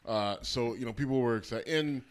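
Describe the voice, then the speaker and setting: A man's voice: mid-range voice, fairly quick, clear, resonant tone. A man co-hosting a casual chat, filling his talk with "you know" and "I mean". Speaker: podcast co-host.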